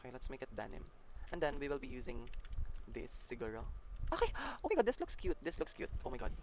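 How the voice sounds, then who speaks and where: A man with a Filipino accent giving excitable, dramatic live commentary while playing a dress-up game. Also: medium pitch, fast, noisy background. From Philippines. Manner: excitable and dramatic, mixes English and Tagalog. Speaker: gaming content creator.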